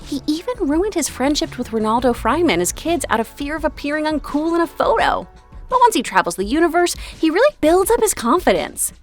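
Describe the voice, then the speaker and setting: A woman with a twangy Texan accent hosting a scripted explainer, chatty and playful with casual asides. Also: sits high. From Texas, USA. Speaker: video host.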